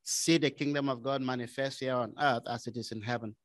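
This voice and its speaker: A man from Cameroon, a business consultant and former pastor, telling his testimony in casual conversation, animated and laughing often. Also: mid-range voice, brisk, no echo. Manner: animated, laughing often, acts out his own quoted lines. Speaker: guest.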